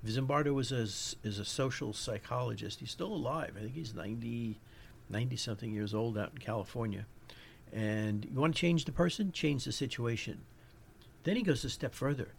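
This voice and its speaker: A man's voice: medium pitch, a little fast, gravelly, slight background noise. A man with a New York accent hosting a podcast, giving an informal lecture as he searches for his words. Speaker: podcast host.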